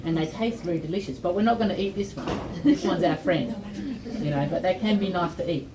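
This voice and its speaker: At a children's event in an indoor library room, an Australian woman storyteller and presenter gives young children an informal educational talk, explaining simply and frequently asking them questions. Her voice is fairly low and fairly quick, with background noise. The room echoes, the mic is distant, and children chatter throughout.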